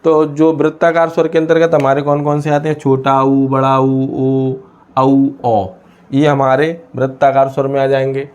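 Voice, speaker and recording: A man teaching a lesson from India, pausing often and asking questions he then answers himself. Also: mid-range voice, little pitch movement, a little mellow, clear, resonant tone, dull audio. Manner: asks and answers his own questions, many hesitations. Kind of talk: explaining a lesson.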